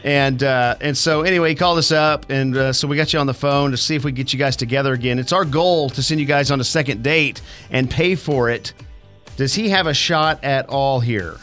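A man's voice: medium pitch, a little fast, a bit bright, faint music behind. A man hosting a radio dating segment, joking and upbeat in casual banter. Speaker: radio show host.

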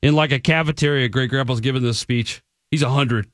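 A man's voice: medium pitch, brisk, fairly bright tone, dry recording, studio quality. A man co-hosting a radio show, telling a story and laughing as he talks. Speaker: radio co-host. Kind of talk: casual radio banter.

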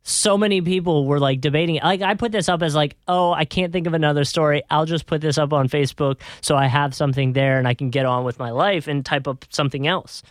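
A man's voice: a little high, fast, few pauses, no room sound. Guy cohosting a chatty news show, jokey, laughs a lot, dry sound. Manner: joking, rambling, laughs often. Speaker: co-host. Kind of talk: casual news chat.

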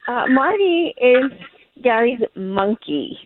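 A woman speaking over a phone line into a radio show, incredulous and quick to interject. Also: fairly high pitch, sing-song. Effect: heard over a phone line.

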